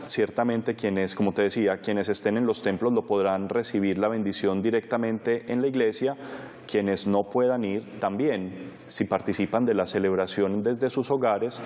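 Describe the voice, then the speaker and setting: A Colombian man, a priest, explaining things in a halting way as an interview guest. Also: lowish voice, darkish tone, big-room sound.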